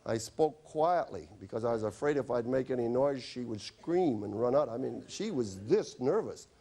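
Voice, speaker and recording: Gravelly-voiced doctor telling stories. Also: male voice, medium pitch, animated, moderate pace, warm tone. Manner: chatty anecdotes with wry humor. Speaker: doctor giving a stop-smoking talk. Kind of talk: storytelling health lecture.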